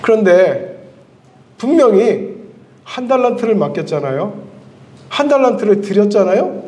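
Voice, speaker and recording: High-voiced pastor in an echoey church. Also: male voice, big pitch swings, a little slow, a little mellow. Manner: storytelling, asks the congregation questions. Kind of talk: sermon. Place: church sanctuary. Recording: echoey hall, voice from a distance.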